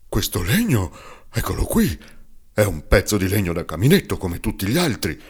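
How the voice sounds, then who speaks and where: A man's voice: extremely low pitch, heavily acted. A man playing a jumpy old carpenter who stammers and blusters nervously.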